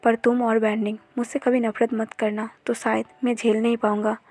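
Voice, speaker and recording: A moody male mafia boss, drunk and brooding, read by a woman narrator in a higher voice. His lines come across plainly and sound dry and close. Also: level tone, moderate pace, darkish tone, dry recording, natural voice. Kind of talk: narrated fan-fiction retelling.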